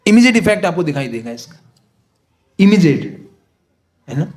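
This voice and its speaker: A man's voice: fairly high pitch, sing-song, normal speed. A man teaching a devotional course, explaining in Hindi with English phrases and chanting prayers. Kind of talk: devotional class lecture.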